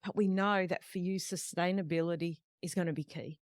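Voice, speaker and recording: A woman's voice: lowish voice, steady tone, brisk, no echo, studio quality. A woman hosting a podcast interview, affirming and summarizing her guest's words. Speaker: podcast host. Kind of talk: supportive interview.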